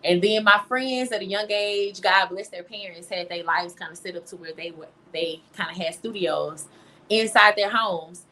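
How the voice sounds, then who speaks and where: Heard on a rough recording, a young Louisiana woman with a Southern accent speaks at normal speed in a steady, mid-range voice that sounds pushed and bright. She's a singer and songwriter chatting casually and emphatically as an interview guest.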